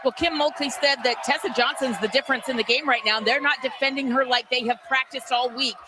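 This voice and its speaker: Bright woman giving a sideline report. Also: high-pitched, fairly quick, a little hiss or hum.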